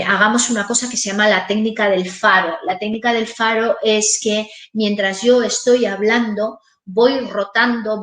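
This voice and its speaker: A woman giving a webinar lecture on voice use for teachers, in a lively, demonstrative way. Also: medium pitch. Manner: lively, demonstrative, varies intonation. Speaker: voice and communication trainer. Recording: roomy echo.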